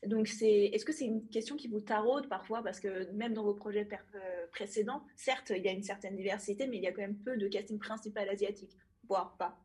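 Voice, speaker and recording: A woman interviewing a series creator, asking measured questions. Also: medium pitch, a little mellow, slightly rough.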